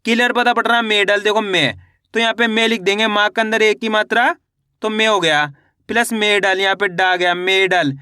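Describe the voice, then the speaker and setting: A man teaching reading, slowly sounding out syllables and repeating each word in a question-and-answer drill. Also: high-pitched, fairly even intonation, bright, forceful tone, clear, resonant tone, no echo, studio quality. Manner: addresses viewers as friends. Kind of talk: step-by-step spelling lesson.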